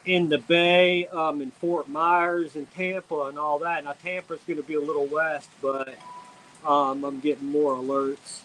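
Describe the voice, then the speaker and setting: Hesitant man chatting on a livestream, slightly high voice. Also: fairly bright tone, poor audio. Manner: hesitant, rambling, conversational. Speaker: livestreamer giving a hurricane update. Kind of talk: casual live chat to viewers. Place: outdoors outside own house ahead of a storm.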